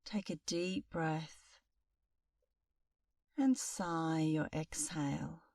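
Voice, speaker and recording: A middle-aged meditation instructor leads a guided session in a calm, soothing voice, unhurried and full of long pauses. Her pitch is low, and the studio-quality recording has no room sound, though the mic sits at a distance.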